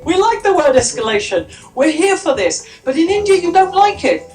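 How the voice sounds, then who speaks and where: A woman voicing a blunt male Dutch manager with a fake Dutch accent, spoken loud and emphatic. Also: very high-pitched, very animated, brisk, soft background music, voice pushed up. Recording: echoey room.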